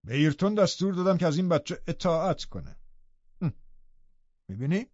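A man's voice: a little high, very animated, a little mellow, dry recording, dull audio, pitched above the performer's own voice. A man reading a scornful, cold landowner. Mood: contemptuous. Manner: cold, contemptuous and boastful. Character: harsh scornful middle-aged male landowner. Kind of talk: audiobook character reading.

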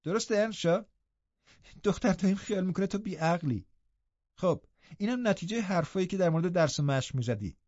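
A man's voice: high-pitched, lively intonation, darkish tone, no room sound, muffled recording, pitched above the performer's own voice. A man doing a sneering, spoiled young man. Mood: mocking. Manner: mocking, snide.

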